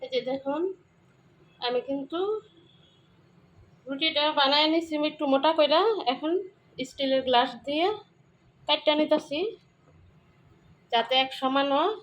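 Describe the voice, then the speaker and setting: A woman's voice: sits high, fairly even intonation, a little slow, long pauses, rough recording. A woman from Brahmanbaria with a Brahmanbaria Bengali accent, chatting casually as she demonstrates cooking and explains local words. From Brahmanbaria, Bangladesh. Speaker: cooking vlogger.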